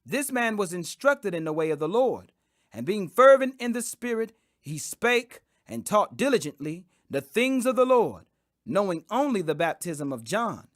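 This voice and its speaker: A man gives dramatic, emphatic scripted narration of the King James Bible in a clean, echo-free studio recording. His high-pitched, fairly bright voice swings widely in pitch at a moderate pace.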